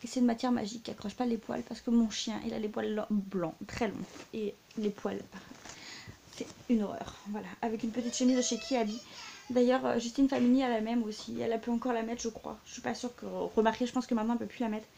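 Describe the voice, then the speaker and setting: A woman's voice: fairly high pitch, flat delivery, fast, gravelly, mellow, a little hiss or hum. A young adult woman chatting casually in a show-and-tell vlog, full of fillers and side remarks. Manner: chatty, many fillers and asides. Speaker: vlogger.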